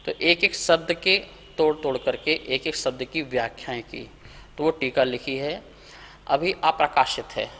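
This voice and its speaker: Man, religious teacher, unhurried, breaks verses into syllables, reverberant hall. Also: medium pitch, a bit bright. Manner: slow, deliberate, syllable-by-syllable recitation for students to repeat. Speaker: Jain monk teaching scripture. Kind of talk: scripture lesson with recitation drills.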